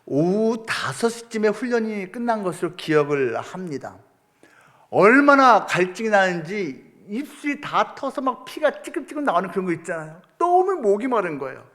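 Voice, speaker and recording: A middle-aged man preaching a sermon, telling a story with lively acted-out quotes. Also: high-pitched, normal speed. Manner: animated storytelling, acting out prayers and quotes. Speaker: pastor.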